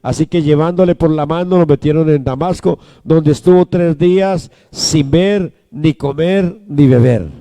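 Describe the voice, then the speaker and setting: A man pastor with a high-pitched voice delivers an emphatic sermon, often calling on the congregation to respond. His tone is mellow, and he takes his time with each phrase. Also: a little slow, hardly any pauses.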